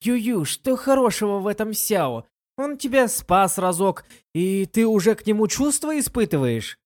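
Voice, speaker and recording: A reader voicing a bratty young girl who mocks and needles her friend in a high, lively voice. She swings her pitch all over as she teases. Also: normal speed, no room sound, studio quality, lightly acted. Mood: teasing. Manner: mocking, teasing.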